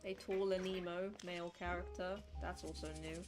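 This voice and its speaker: A woman's voice: on the low side, flat delivery, moderate pace. A woman streaming a game with casual commentary, musing and thinking aloud. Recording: loud game music behind the voice. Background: game music.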